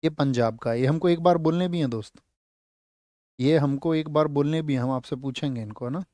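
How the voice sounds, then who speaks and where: A man's voice: on the high side, a little fast, mellow, dry recording, clean studio sound. A man teaching an exam-prep lecture who quizzes his students, answers his own questions and repeats key words so they stick.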